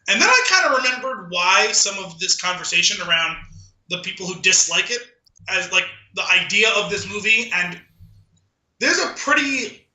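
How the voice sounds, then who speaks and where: A podcast co-host chats casually and reads a poem dramatically, amused and frequently breaking into laughter as he reads. His high voice sounds pushed and bright, and the rough recording echoes around the room.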